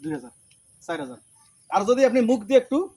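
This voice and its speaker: A scheming, pushy husband played by a man haggles in a rapid, wheedling patter. The voice sits very high, and the lines come out fast. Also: animated, dark tone, a little hiss or hum. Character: scheming poor husband selling his wives. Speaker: husband hiring out his wives. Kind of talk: short film acting.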